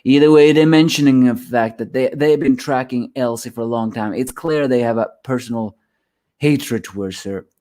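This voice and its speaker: A man's voice: mid-range voice, normal speed, warm tone. Rambling man reviewing a manga chapter. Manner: rambling, repeats and restarts words. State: sleepy, yawning. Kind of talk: solo spoken chapter review.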